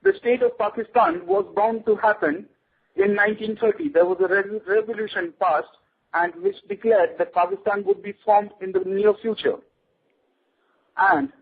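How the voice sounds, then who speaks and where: A man's voice: high voice, breathy edge. A man speaking as a guest on a radio show, lecturing emphatically. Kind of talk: radio interview. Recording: tinny phone line.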